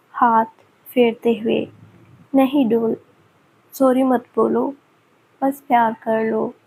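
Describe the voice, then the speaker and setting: A woman narrating a romance story slowly and deliberately. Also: fairly high pitch, mellow, husky, low-quality recording.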